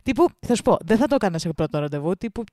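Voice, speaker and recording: A woman from a Greek Ionian island, co-hosting a podcast in casual chat, animated, slangy and laughing often. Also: mid-range voice, no echo, clean studio sound. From Greece, Ionian island. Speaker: podcast co-host. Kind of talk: casual chat, reading a listener story.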